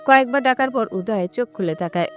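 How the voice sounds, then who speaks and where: This audio story narrator has a somewhat high voice and reads her scripted romantic tale fast, over a bed of background music.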